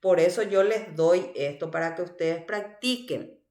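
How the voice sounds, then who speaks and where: Slow-speaking Paraguayan woman teacher. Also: fairly low pitch, darkish tone, roomy sound. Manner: slow, patient, drills words aloud syllable by syllable. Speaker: language teacher. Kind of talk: recorded class lesson.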